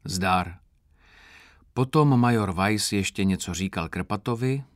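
Audiobook narrator, man, low bright voice, dry close sound, wry calm read. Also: no echo. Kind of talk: first-person literary narration.

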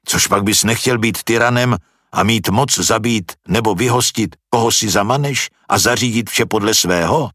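A man's voice: fairly low pitch, a bit bright, no echo, studio quality. A man voicing a startled young man who challenges the speaker, in a storybook reading. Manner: taken aback, challenging.

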